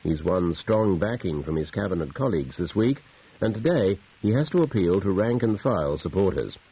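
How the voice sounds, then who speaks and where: A man's voice: low-pitched, very animated, dark tone, breathy edge. A man reading a formal morning news bulletin, heard as a dull, tinny broadcast from a clock radio. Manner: measured, formal news delivery. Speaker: radio newsreader.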